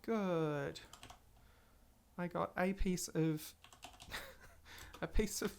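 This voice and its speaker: This gaming channel host speaks extremely slowly in a lowish, slightly mellow voice, with a bit of background noise. She rambles casually to her viewers during a Let's Play, her voice a touch congested from a cold.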